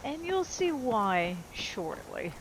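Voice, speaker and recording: A woman hosting a gaming video speaks slowly in a high-leaning, very animated voice, with background noise present. She rambles and thinks aloud as she gives casual walkthrough commentary over video game music.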